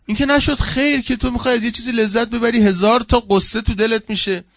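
A man with a high, gravelly voice delivers a colloquial sermon as a seminary cleric, telling everyday stories. He swings between loud, animated telling and quiet, earnest asides. The sound is dry and close, with no room echo. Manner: storytelling, swinging from loud to hushed.

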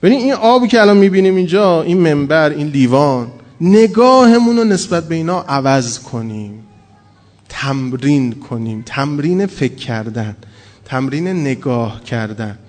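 A man preaching a sermon from a pulpit, telling stories with humor and acting out quoted dialogue. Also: fairly high pitch. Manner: animated, humorous storytelling, acts out quoted dialogue. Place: mosque or religious hall at a pulpit.

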